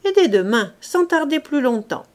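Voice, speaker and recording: A woman voicing a swaggering village lord who boasts loudly. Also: a little high, very animated, slow pace, exaggerated voice. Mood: boastful.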